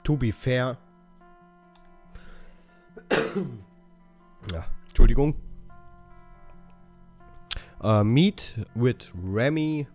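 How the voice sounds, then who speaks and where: A man giving a casual game walkthrough, haltingly reading out English dialogue options and correcting himself as he goes. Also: medium pitch, a little mellow, faint music behind. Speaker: gaming channel host.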